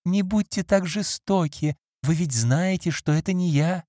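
A man's voice: sits high, measured pace, mellow, no echo, clean studio sound, voice pushed up. A man reading an audiobook and voicing a timid former maid, now an innkeeper's wife, who whimpers and pleads in a raised, woman-like voice. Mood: whimpering.

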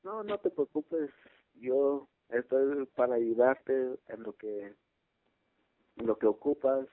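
A man's voice: medium pitch, takes it slowly, slight background noise. A man in his twenties from Guatemala, answering interview questions hesitantly and searching for words. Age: 20s. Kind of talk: casual phone interview. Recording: tinny phone line.

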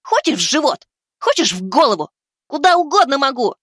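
A man voicing a panicked young man who yells threats in a shrill, frantic voice. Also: big pitch swings, fairly quick, no echo, studio quality, heavily acted. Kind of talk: audiobook story narration.

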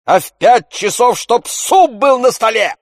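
A man voicing a coarse, blustering middle-aged freeloader who shouts his demands, recorded dry in an audiobook. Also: mid-range voice, big pitch swings, takes it slowly, dry recording, pitched above the performer's own voice, full character voice. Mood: bellowing.

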